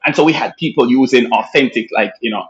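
Born in Nigeria and raised in Jamaica, this man speaks with a Jamaican accent as a guest physician in a casual interview. He's animated, laughs often, and restarts phrases as he goes, in a fast, mid-range voice on dull-sounding audio.

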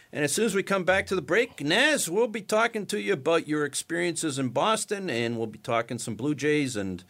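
A man hosting a sports radio show, talking in an animated way and restarting his sentences often. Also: mid-range voice.

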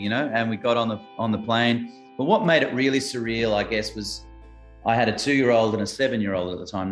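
An Australian musician in his late thirties, talking reflectively in a rambling interview with many restarts. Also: fairly low pitch. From Adelaide, South Australia. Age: late 30s. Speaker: musician guest. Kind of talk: casual interview chat.

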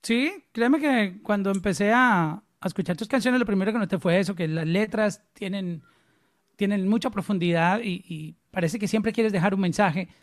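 A man's voice: high-pitched, moderate pace, no echo, clean studio sound. A man from Colombia with a Colombian accent, hosting a podcast interview in an enthusiastic, casual way with frequent small restarts. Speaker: podcast host.

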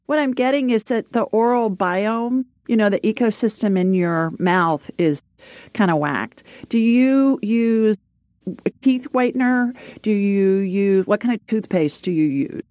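A woman's voice: medium pitch, animated, unhurried, no room sound. A woman hosting a call-in show in a casual, chatty way, recorded with slightly dull sound. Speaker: host of a psychic call-in show.

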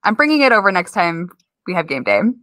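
A woman co-hosting a podcast in casual chat, bubbly and quick to laugh. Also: lowish voice, sing-song, pushed and bright, no room sound. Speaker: podcast co-host. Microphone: remote call.

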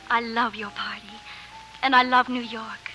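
A woman's voice: a little high, level tone, measured pace, bright, forceful tone, rough recording. An actress playing an eager young woman who dreams of stardom, breathless, earnest and dramatic, in a 1940s radio play. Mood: rapturous. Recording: old radio broadcast with music.

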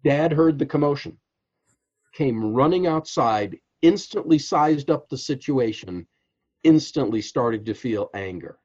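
Animated storytelling man, husky voice. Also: medium pitch, measured pace, dull audio. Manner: animated storyteller, acts out quotes, frequent laughs. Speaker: guest coach. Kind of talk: storytelling in a podcast interview.

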